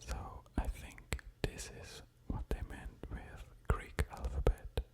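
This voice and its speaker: A man's soft, unvoiced ASMR whisper comes through a close stereo ear-to-ear microphone. He ponders aloud slowly and hesitantly, with wandering asides.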